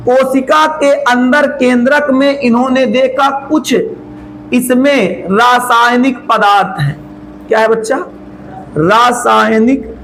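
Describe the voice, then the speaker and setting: High-voiced teacher with slow drawl. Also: male voice, fairly bright tone, slight background noise, poor audio. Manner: asks and answers his own questions, drawls key words slowly; folksy dialect asides. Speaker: biology teacher. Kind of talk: classroom lecture.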